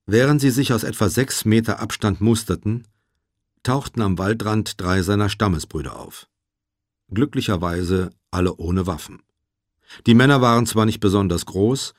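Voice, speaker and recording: A man narrating an audiobook in a measured, even storytelling manner. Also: lowish voice, dry recording, studio quality. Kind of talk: scripted narration.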